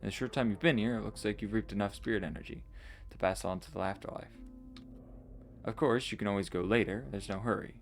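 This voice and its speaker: A man voicing a calm, unhurried reaper spirit in a game. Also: fairly low pitch, soft background music, close to an everyday voice.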